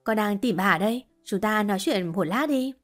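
A woman voicing a kind, calm young woman who speaks gently and reassuringly. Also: mid-range voice, normal speed, faint music behind, close to an everyday voice.

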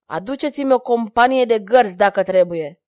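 A woman reading the part of an aging king who is proud and quick to anger, with a commanding voice that rises in fury. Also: a little high, a little mellow, dry recording, studio quality, natural voice. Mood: furious.

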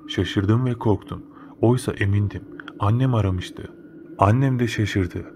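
A man's voice: fairly low pitch, a little slow. A man narrating a first-person horror story in a casual, slangy, matter-of-fact way. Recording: noticeable background noise.

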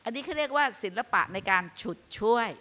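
An older woman hosting a radio show, giving earnest, animated Buddhist advice in a meditation hall. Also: fairly high pitch, fast, slight background noise. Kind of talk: dharma talk on live radio. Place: meditation hall with a live audience.

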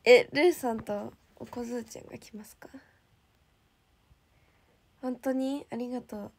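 Young woman idol, higher voice, casual and bubbly livestream chatter with frequent soft whispered asides. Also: fairly even intonation, measured pace, vocal fry. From Japan. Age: young adult. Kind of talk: casual livestream chat, reading viewer comments.

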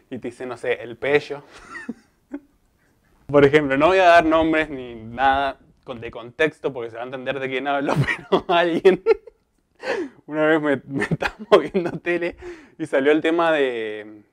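A man from Mendoza with a Mendoza Argentine accent, chatting casually to camera and often breaking into laughter. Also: mid-range voice. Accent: Mendoza Argentine Spanish. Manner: laughs often while talking, playful and loose. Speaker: vlogger.

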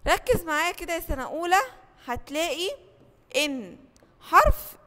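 A woman teacher with an Egyptian accent gives a lesson to first graders, asking questions, answering them herself and drawing out each model word slowly. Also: high voice, a bit bright, in a large hall. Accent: Egyptian Arabic. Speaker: primary school teacher.

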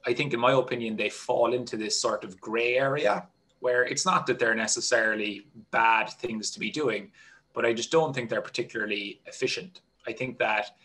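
A man's voice: mid-range voice, moderate pace, rough recording. A man in his thirties with an Irish accent, a strength coach explaining his work steadily over a headset on a video call. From Ireland. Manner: steady explanatory talk with many "kind of" fillers. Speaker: golf strength and conditioning coach. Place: small home room.

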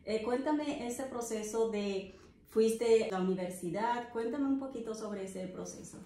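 A woman's voice: on the high side, unhurried, roomy sound. Middle-aged woman hosting a podcast. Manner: warm questioning with many fillers. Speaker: podcast host. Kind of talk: podcast interview. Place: living room on a sofa, indoors.

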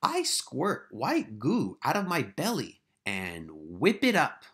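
A man's voice: medium pitch, huge pitch swings, moderate pace, pushed and bright. A man voicing a silly little spittlebug in a children's classroom script. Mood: playful.

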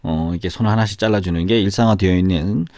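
A man teaching English phrases in a casual video lesson, joking between slow drilled repetitions. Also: deep voice, darkish tone, dry recording, clean studio sound.

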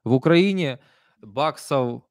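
A man from Ukraine in his thirties, Kyiv Russian accent, streams live and reads viewer comments, expressive yet slow, at an ordinary middle pitch. He speaks conversationally, emphasizing some points and murmuring softer asides. He's close to a desk stand mic in a small indoor room, where the sound is dry and echo-free.

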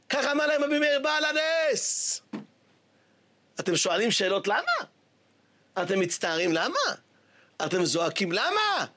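A male rabbi delivering a sermon as a dramatic story, exclaiming and sometimes shouting for emphasis. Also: extremely high pitch, slight background noise.

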